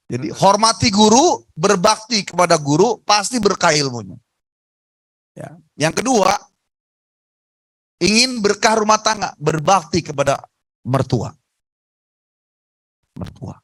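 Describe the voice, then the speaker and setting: A man preaching on a radio talk show, telling stories in a lively, emphatic way. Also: sits high, slow, long pauses, no echo, rough recording. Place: radio studio.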